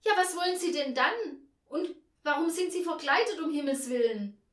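A shrill, high and frantic little red-faced hostess, as a woman reading the story puts her on, nervous and exclaiming loudly. She jumps all over her range. The roomy echo of the recording hangs around her. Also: very animated, moderate pace, heavily acted. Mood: flustered.

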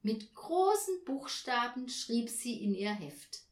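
Woman reading a christmas story, slow and expressive, lively pitch, echoey room. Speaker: story reader. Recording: roomy echo.

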